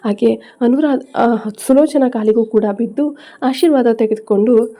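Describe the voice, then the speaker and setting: A woman telling a serialized family story in a steady, plain way. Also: a little high, moderate pace. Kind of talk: storytelling narration.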